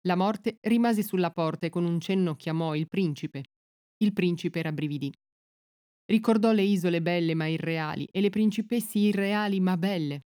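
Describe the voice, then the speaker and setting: A woman narrating a literary excerpt and fairy tale in a measured, unhurried audiobook reading. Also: on the low side, warm tone, dry recording, clean studio sound.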